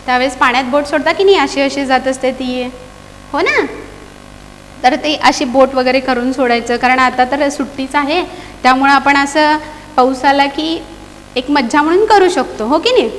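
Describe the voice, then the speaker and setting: High-voiced woman teacher coaxing young pupils. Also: long reverb tail, a little hiss or hum. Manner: coaxing, asks pupils many questions, chants rhymes slowly. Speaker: primary school teacher. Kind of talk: teaching a children's poem in an online class.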